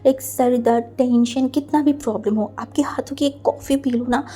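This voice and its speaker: A woman's voice: high voice, normal speed, breathy edge. A woman voicing a middle-aged uncle who lavishly praises the mother's coffee. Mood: flattering. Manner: flattering, warm praise.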